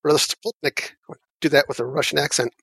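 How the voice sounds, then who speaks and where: A man co-hosting a casual tech podcast, relaxed and chatty, often trailing off mid-sentence. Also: on the high side, moderate pace, gravelly, husky, dry recording. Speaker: podcast co-host.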